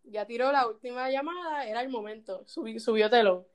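Animated Puerto Rican woman storyteller. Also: fairly high pitch, a little fast. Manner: animated, laughing often while telling a story. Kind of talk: casual storytelling chat.

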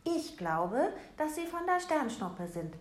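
A woman's voice: sits high, sing-song, takes it slowly, reverberant, slight background noise, voice pushed up, full character voice. A woman voicing a small hopeful mouse. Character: small hopeful female mouse, timid but brave.

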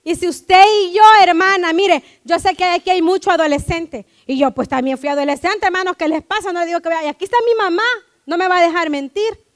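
A woman preaching a lively church sermon, often checking in with her listeners and acting out family scenes. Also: extremely high pitch, a little fast. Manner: animated, keeps asking "right?", acts out family quotes.

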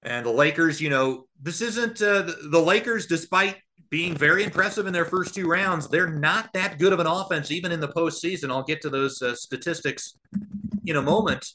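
The audio is poor in this clip of a man with a slightly high, pushed and bright voice, speaking at a moderate pace. He does live radio play-by-play of basketball, calling the action in short clipped present-tense phrases with some analysis.

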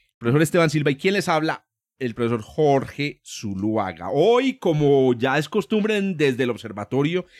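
A man's voice: on the high side, dry recording, clean studio sound. A man hosting a podcast, chatty and hesitant, with many fillers. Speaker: podcast host. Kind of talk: casual podcast chat.

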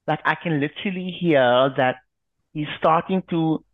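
A man's voice: a little high, normal speed, no echo. A man co-hosting a casual chat, rambling with many restarts and fillers. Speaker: podcast co-host. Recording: tinny phone-like line, dry.

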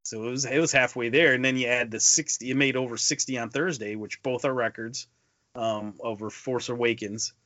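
A podcast co-host on a casual movie show speaks emphatically at a fairly quick pace, repeating himself to drive points home. His mid-range voice is steady and sharp in tone. The recording is dry, dull lo-fi podcast audio.

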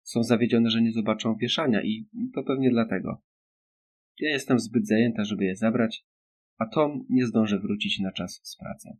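A man's voice: lowish voice, fairly even intonation, normal speed, a little mellow, lightly acted. A man voicing a worn-out, nervous mother who hesitates as she speaks. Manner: hesitant, faltering.

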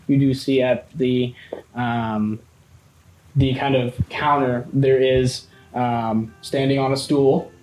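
A man narrating a tabletop game as game master in a casual, halting way. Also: mid-range voice, steady tone, a little mellow. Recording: roomy echo, faint music.

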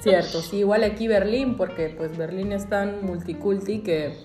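A woman hosts a relaxed interview and keeps the talk going with friendly questions. She is recorded in a roomy, echoey space, with faint music behind. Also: medium pitch, normal speed. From Peru. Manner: chatty, asks follow-up questions. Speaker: host. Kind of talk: casual interview.

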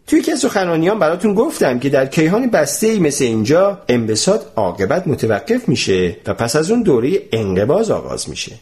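A calm, learned professor in a storybook, explaining things patiently and gently, voiced by a male narrator. His voice sits a little high and moves in a lively, animated way. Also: few pauses.

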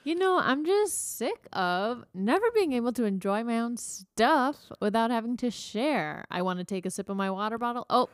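A woman's voice: fairly high pitch, expressive, normal speed, few pauses. A woman co-hosting a casual podcast, joking and playfully complaining. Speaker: podcast co-host. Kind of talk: casual chat.

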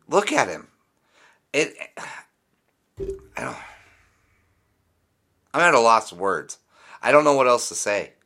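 Hosting a sports fan podcast, a man rants in an exasperated, sarcastic way with plenty of swearing. His voice is fairly low with a sharp tone.

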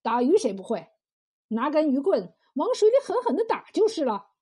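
A woman voicing a brash, hot-tempered young male disciple in a told folk tale, blustering loudly. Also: high voice, sing-song, normal speed, breathy edge, heavily acted. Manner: loud, blustering outbursts. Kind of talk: storytelling role voice.

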